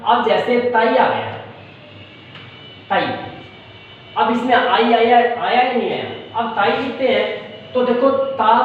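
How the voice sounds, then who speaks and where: Patient male tutor in an echoey room. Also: sits high. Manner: patient, repetitive, keeps checking understanding. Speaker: shorthand teacher. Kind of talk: classroom-style tutorial. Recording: echoey, distant, dull with faint hiss.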